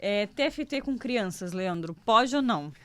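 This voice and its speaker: A woman's voice: medium pitch, animated, a little slow, clear, resonant tone, dry recording. A Brazilian woman with a Brazilian Portuguese accent, a holistic psychotherapist hosting a podcast who listens attentively and asks questions. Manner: attentive, many affirming "uhum" and "legal". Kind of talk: podcast interview.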